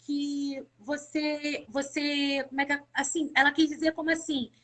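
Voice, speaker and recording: A woman from Brazil with a high, bright-sitting voice gives a personal faith testimony as a live-stream guest. She speaks fervently and repeats words to drive her points home. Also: flat delivery, moderate pace.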